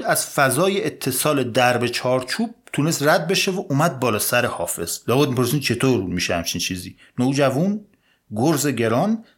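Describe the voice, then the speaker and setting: A man narrating a comic story as a podcast host, playful and colloquial with wry asides. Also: mid-range voice.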